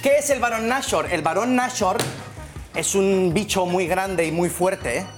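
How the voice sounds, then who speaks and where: A man's voice: sits high, unhurried. A man with a Spanish accent from Spain improvising a mock-grandiose, sweary comic bit on a talk show. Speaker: comedy show contributor. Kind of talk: improvised comic monologue and banter. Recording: music and crowd behind the voice.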